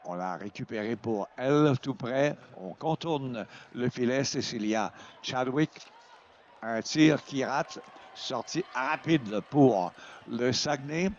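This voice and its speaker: A man with a Quebec French accent doing excited sports commentary as a play-by-play announcer, exclaiming over the action. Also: medium pitch, slow, dull audio, a little hiss or hum. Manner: exclaims over plays, voice surging at shots and goals.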